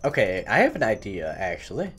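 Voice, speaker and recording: Brisk and fairly low, this man's voice swings wildly in pitch and has a slightly rough, somewhat bright edge. He hosts a gaming channel, narrating a live Minecraft build in a loose, talkative way, fumbling words and cursing lightly at his own errors while poking fun at himself.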